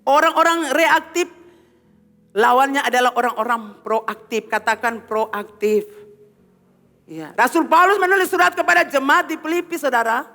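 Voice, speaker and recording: Woman pastor, Ambonese Malay accent, animated sermon, high bright voice, long church-hall echo. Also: moderate pace. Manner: animated, calls on the congregation for responses.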